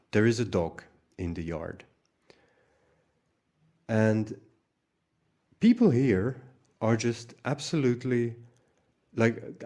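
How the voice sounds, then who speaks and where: A man's voice: fairly low pitch, darkish tone. A Hungarian-born man hosting his own channel, talking in a casual, rambling monologue full of fillers and restarts. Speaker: channel host.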